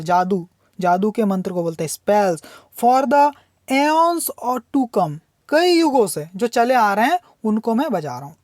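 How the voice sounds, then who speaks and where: A woman teacher with a slightly high voice works through a poem. She stretches out each English line slowly, then explains it briskly in Hindi, posing questions and answering them herself. The sound is close and dry, with no room echo. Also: a little mellow. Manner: slow, drawn-out reading of English lines, then quick Hindi explanation.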